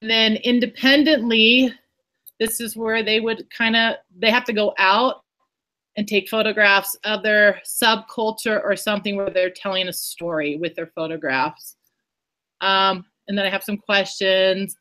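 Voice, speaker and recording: A woman teacher talks through how she built a lesson. Her voice is bright and forward. She rambles in a chatty way and restarts her sentences often. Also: mid-range voice, level tone, unhurried. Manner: rambling, self-correcting, chatty. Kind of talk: casual explanation in an online workshop.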